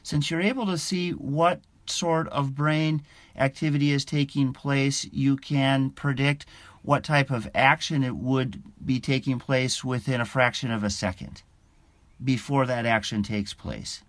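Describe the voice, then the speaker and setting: A man gives explanatory interview answers as a science correspondent. His pitch is average and his delivery is halting and measured. The sound is close and dry. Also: steady tone, fairly bright tone, dry recording.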